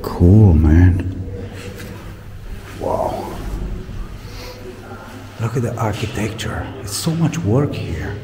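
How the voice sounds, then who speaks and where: A man's voice: lowish voice, big pitch swings, drawn-out words, long pauses, noisy background. A young man from Romania filming a casual travel vlog outdoors, talking to his viewers and exclaiming at what he sees. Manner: exclaims often, loose fillers, talks to viewers as guys. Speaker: travel vlogger. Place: outdoors in a town street.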